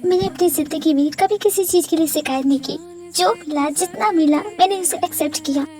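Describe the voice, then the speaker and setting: A woman's voice: very high voice, brisk, a little mellow. A woman voicing a heartbroken young wife who pleads tearfully and emotionally in a fan-dubbed romantic audio drama. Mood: anguished.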